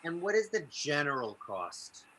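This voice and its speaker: A male host with a bright, forward voice interviews in a casual, curious way, often echoing back what he is told. There is clear noise in the room behind him. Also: fairly high pitch, sing-song, normal speed. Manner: inquisitive, often repeats answers back. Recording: noisy room recording.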